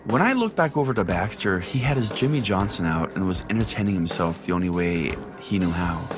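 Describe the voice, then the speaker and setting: A podcast host and storyteller with a low voice plays a crude, self-righteous small-town pastor running a call-in radio show, pompous and foul-mouthed. He speaks expressively and briskly in an earnest storytelling mood, with music in the background, in this comedic radio call-in bit.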